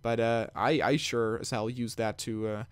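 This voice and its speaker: A man's voice: medium pitch, fairly even intonation, normal speed, clean tone, dry recording. A man co-hosting a gaming podcast in casual chat, rambling and repeating words as he thinks. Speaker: podcast co-host.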